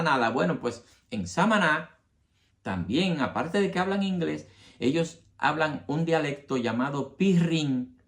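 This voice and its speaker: A man from the Republic, hosting a history channel and explaining things to his viewers with examples. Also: on the high side. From Dominican Republic. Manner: addresses the audience directly, explains with examples.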